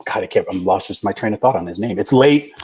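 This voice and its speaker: A man co-hosting a podcast, chatting in a relaxed, self-deprecating way about fights. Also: fairly low pitch, quick pace, a little hiss or hum. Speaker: podcast co-host. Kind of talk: casual fight recap chat.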